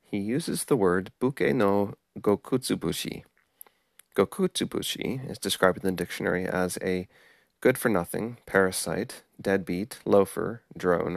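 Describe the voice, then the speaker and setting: A man hosting a podcast episode, reading a prepared script on samurai ideals in a measured, explanatory way. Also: low-pitched, gravelly, no room sound, studio quality. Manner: measured, explanatory, apologetic about pronunciation. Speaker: podcast host. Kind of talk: scripted narration.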